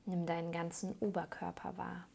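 A woman serving as a hypnosis guide leads a soothing meditation at a normal pace, calm and gently instructive. Her fairly low voice is soft and breathy, often trailing toward a whisper.

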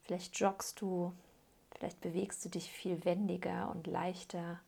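With a lowish, husky voice, a hypnosis guide takes listeners through a calming meditation aimed at weight loss. She moves very slowly, leaving pauses between gentle directions, and her words often sink to breathy near-whispers with a creaky edge.

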